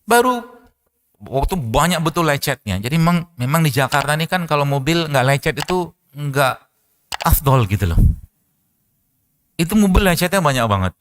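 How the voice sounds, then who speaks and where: Animated man telling stories in a lecture. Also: on the high side, moderate pace, long pauses. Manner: storytelling, animated, laughs often. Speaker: preacher and doctor. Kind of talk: casual religious lecture.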